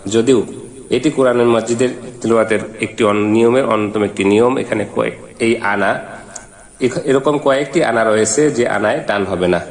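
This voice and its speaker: A man teaching Quran reading. He spells out letters and vowel marks one at a time, then chants each verse in slow, drawn-out syllables. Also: medium pitch, roomy sound. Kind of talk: step-by-step recitation lesson.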